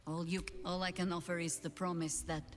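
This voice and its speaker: A performer voices a grave, watchful guardian from a fantasy game. The voice sits at a middle pitch, calm and formal, with cryptic, probing phrasing. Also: fairly quick, close to an everyday voice. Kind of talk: video game dialogue.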